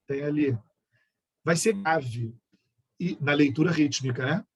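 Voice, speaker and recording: A man's voice: fairly high pitch, lively intonation, unhurried, slightly rough, dull audio. A man from Brazil giving an online music education lecture, explaining step by step and singing rhythm syllables and scale numbers as examples.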